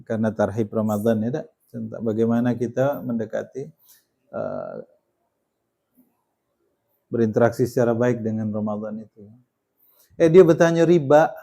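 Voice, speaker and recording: A man's voice: medium pitch, normal speed, creaky, long pauses, warm tone. A man giving a Quran study sermon in a conversational way, often ending points with tag questions and pressing them with emphasis. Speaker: Islamic preacher.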